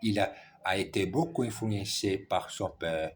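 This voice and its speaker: Reading aloud from French practice exercises, a Portuguese-native learner speaks in a deep, husky voice at a slow pace. He's cautious and hesitant, repeatedly correcting what he's just said.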